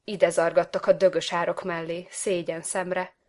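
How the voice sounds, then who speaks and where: A woman's voice: fairly low pitch, little pitch movement, a little mellow, natural voice. A woman voicing a sly old village widow, a poisonous flower in a storybook, coaxing and folksy.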